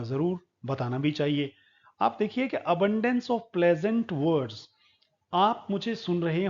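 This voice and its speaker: A man's voice: a little high, a little mellow, lo-fi sound. A middle-aged man teaching a poetry lesson, explaining patiently step by step and repeating the key points. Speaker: English teacher. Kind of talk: classroom lecture on poetry.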